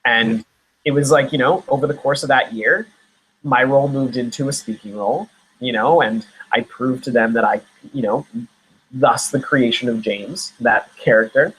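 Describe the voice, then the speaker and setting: A man's voice: mid-range voice, normal speed, fairly bright tone, a little hiss or hum, rough recording. A young man from Nova Scotia, an actor guest in a casual interview, talking in a rambling way with many fillers and restarts. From Nova Scotia, Canada.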